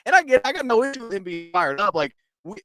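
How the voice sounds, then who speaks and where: Man, sports panelist; rapid, slightly high voice, rambling and slangy. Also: very animated, sharp tone, slight background noise. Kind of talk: casual sports roundtable chat.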